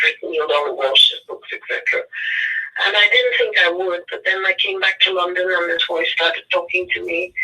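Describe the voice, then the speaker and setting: A woman's voice: lowish voice, pushed and bright, distant mic, low-quality recording. A woman from India, a spiritual author and radio guest, talking in an earnest, meandering way and often correcting herself mid-sentence. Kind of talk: casual radio interview.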